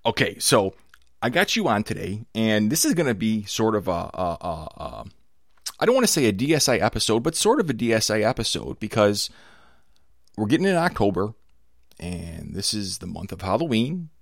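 A middle-aged man with a gravelly voice, a little hoarse from a cold, hosting a casual podcast as an enthusiastic, rambling storyteller. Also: on the low side, big pitch swings, moderate pace, no room sound, studio quality. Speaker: podcast host.

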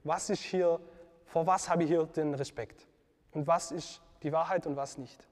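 A man giving an earnest devotional teaching talk, reflective, pausing with fillers and correcting himself. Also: a little high, fairly even intonation, a little mellow, in a large hall.

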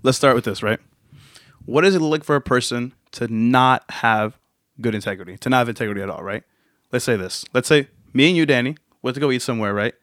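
A man's voice: medium pitch, a little fast, no room sound, studio quality. A young man co-hosting a casual faith podcast, playful and acting out little scenes as he explains. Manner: playful, acts out scenes with shouted put-on voices. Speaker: podcast co-host.

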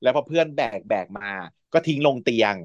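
A man's voice: medium pitch, brisk, dry recording, muffled recording. A man hosting a podcast, retelling a series in a chatty, playful way and laughing often. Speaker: podcast host. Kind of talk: casual chat recapping a TV series.

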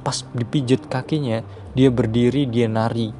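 A man's voice: mid-range voice, steady tone, normal speed, dark tone, soft background music. A man telling a true horror story in casual chat, rambling and repeating himself, dropping his voice on the eerie parts.

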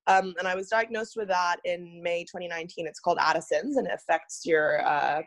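Guest spot: young woman from Singapore, lowish voice, thoughtful, chatty. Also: fairly even intonation, brisk. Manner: thoughtful, many fillers and restarts. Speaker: podcast guest. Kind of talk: casual podcast chat.

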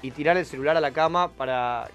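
A man's voice: fairly high pitch, fast, fairly bright tone, clear, resonant tone, faint music behind. A young man with an Argentine accent, hosting a casual chat show in a playful, teasing way. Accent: Argentine Spanish. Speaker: podcast host.

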